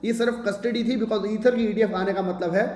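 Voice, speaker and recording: A man's voice: high voice, fairly even intonation, a little fast, a little mellow. A man hosting a market commentary channel, talking viewers through the news in a persuasive, promotional way and slipping in English phrases, recorded in a bare room with heavy echo. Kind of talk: casual market explainer to viewers. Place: room with almost no furniture. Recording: echoey sparsely furnished room.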